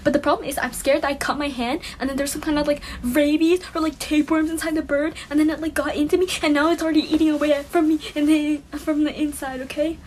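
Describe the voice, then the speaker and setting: A woman telling a comic story in an animated, dramatic way, with emphatic repeats and frequent checks of "okay?". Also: high-pitched, fast, few pauses, slight background noise.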